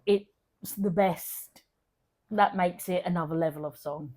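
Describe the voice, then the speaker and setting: A woman with a fairly low voice co-hosts a film podcast, chatting casually and eagerly. She speaks, often trailing off mid-thought and starting over. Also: takes it slowly, darkish tone. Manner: chatty, enthusiastic, trails off and restarts. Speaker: podcast co-host. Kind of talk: casual chat.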